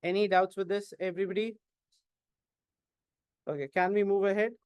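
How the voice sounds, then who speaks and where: Indian guy teaching exam prep, high voice, slow and drawn out, keeps asking "is it clear", dry close sound. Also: fairly even intonation, a little mellow, no room sound. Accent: Indian English. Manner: keeps asking "is it clear?", questions and answers his own prompts. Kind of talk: classroom lecture in Hindi-English mix.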